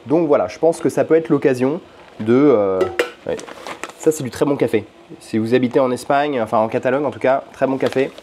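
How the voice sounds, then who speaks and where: A man chatting casually at home in a vlog about language learning, talking in a relaxed, rambling way with frequent hesitations. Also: medium pitch, a little fast, a little hiss or hum. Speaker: language-learning vlogger and podcaster. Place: at home in his apartment.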